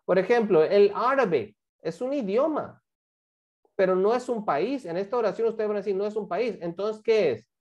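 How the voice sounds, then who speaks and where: A woman's voice: medium pitch, moderate pace, a little mellow, lo-fi sound. A woman, teaching English and explaining homework to a class, patient and often checking that students follow. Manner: patient, checks understanding with frequent questions.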